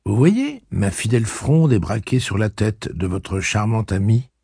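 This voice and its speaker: A man doing a cheeky young gunslinger, mock-polite and sharp. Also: fairly low pitch, sing-song, measured pace, breathy edge, no room sound, studio quality, pitched above the performer's own voice, full character voice. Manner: mock-courtly, then barking orders.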